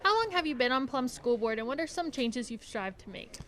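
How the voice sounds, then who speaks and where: A woman's voice: sits high, animated, fairly quick, a bit bright, rough recording. A young woman interviewing a guest on a school TV broadcast, asking polite, prepared questions. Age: young adult. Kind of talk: student TV interview.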